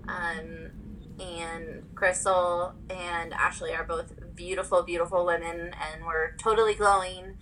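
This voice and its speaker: Young woman co-host, bright and forceful tone, candid and profane, quick to laugh. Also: lowish voice, little pitch movement, slight background noise, rough recording. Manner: candid, laughs often, swears casually. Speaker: podcast co-host. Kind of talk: casual chat.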